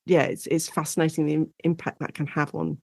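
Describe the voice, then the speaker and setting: Speaking a little fast in a low, creaky voice with flat delivery, this British guest academic who specialises in audio drama explains her research. She sounds enthusiastic and conversational, like a chatty interviewee. There's no room sound at all.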